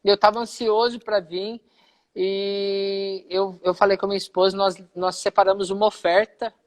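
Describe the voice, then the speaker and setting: A man's voice: high voice, little pitch movement, moderate pace. A man with a Brazilian Portuguese accent, a pastor giving a personal testimony in a live conversation, who acts out the dialogue he quotes.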